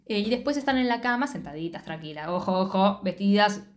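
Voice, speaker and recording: A woman's voice: mid-range voice, a little fast, noisy background. A young woman with a Rioplatense Spanish accent, co-hosting a podcast and retelling a series with lots of swearing and acted-out lines. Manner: animated, swears freely, acts out dialogue. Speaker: podcast co-host. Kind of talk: casual chat recapping a series.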